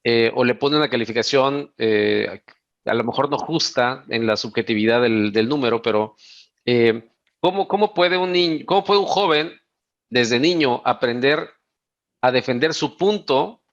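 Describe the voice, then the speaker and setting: A man's voice: mid-range voice, unhurried. Man asking long questions on a dull line. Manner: asks long, searching questions with many restarts. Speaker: podcast host. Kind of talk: conversational interview.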